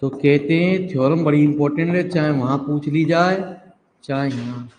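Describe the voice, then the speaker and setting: A male math teacher giving a classroom lecture, speaking slowly and repeating himself while dictating notes to his students. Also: a little high, darkish tone, lo-fi sound, a little hiss or hum. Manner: slow and repetitive, dictating notes, affectionate address to students. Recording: echoey hall.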